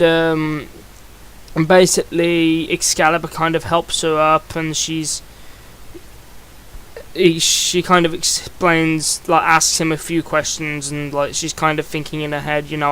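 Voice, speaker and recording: Smooth-voiced young man chatting casually. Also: a little high, a bit bright. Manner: rambling and chatty, often restarting sentences. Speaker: comic book reviewer. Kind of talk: casual video review.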